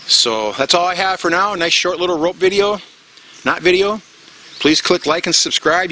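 Middle-aged outdoor instructor, bright edgy voice, casual step-by-step demo, faint background ambience. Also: male voice, fairly high pitch, slight background noise. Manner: plain, step-by-step, repeats himself with fillers. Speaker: bushcraft instructor. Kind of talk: casual outdoor knot demonstration. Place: outdoors in tropical forest.

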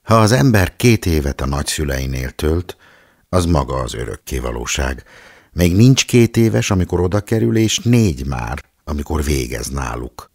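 A man giving a calm, measured literary reading of a story. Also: extremely low pitch, gravelly, slightly rough. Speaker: audiobook reader.

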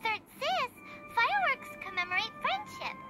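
An excitable little fairy companion from an anime game. The voice is childlike and squeaky, extremely high with animated leaps. Music sits clearly underneath. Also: female voice, normal speed. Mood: curious. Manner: talks of self in third person, excitable.

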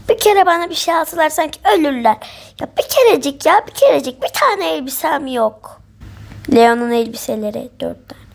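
A woman's voice: high-pitched, creaky, full character voice. A woman voicing a whiny teenage daughter who keeps complaining and sighing about having no clothes.

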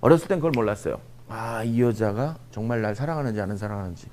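A man's voice: lowish voice, fast. A middle-aged man giving a humorous lecture to a live audience, joking and tossing out rhetorical questions. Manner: joking, animated, peppers talk with rhetorical questions.

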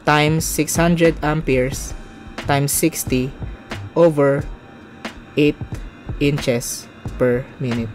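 A man's voice: on the high side, fairly even intonation, faint music behind. A young man in his twenties teaching a welding calculation step by step, recorded at a desk webcam indoors. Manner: slow, step-by-step explaining. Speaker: welding instructor. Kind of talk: narrated whiteboard tutorial. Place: indoors, small room.

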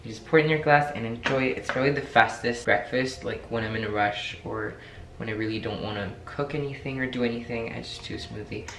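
A man's voice: medium pitch, fast, background noise. A young man from France, chatting playfully and joking at himself while demonstrating recipes in his home kitchen. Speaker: cooking vlogger. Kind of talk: casual cooking demonstration. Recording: echoey kitchen with clattering dishes.

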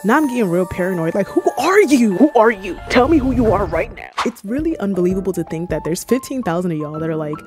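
Speaking fast with few pauses over music, this mid-range female voice belongs to a YouTuber in her twenties from Cameroon. She gives a casual, animated chat to camera from a small red-lit room, cracking jokes and squealing asides into a handheld mic held near her mouth.

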